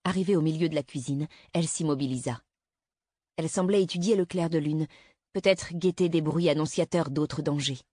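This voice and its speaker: A woman narrating a dark story in a steady, measured reading voice. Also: low-pitched, no echo, studio quality. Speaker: audiobook narrator. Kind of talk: scripted narration.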